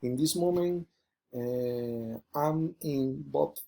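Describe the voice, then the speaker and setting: A young Colombian man, a native Spanish speaker with a Colombian Spanish accent, answers interview questions in English, restarting his answers again and again and using many fillers. His mid-range voice is creaky and mellow, and he draws his words out.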